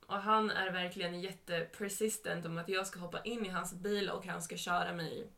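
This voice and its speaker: A woman's voice: on the low side, fairly even intonation, gravelly, sharp tone. A young woman telling a story in casual podcast chat, with a chatty manner and dialogue retold. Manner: retells events in a chatty way with quoted dialogue. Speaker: podcast co-host.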